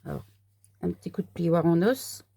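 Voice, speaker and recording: A woman talking viewers through a paper craft kit in a relaxed, unhurried way, handling the pieces as she speaks. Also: on the low side, vocal fry. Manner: soft, unhurried, talks while working with paper. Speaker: crafter demonstrating a card kit. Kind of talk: casual crafting tutorial.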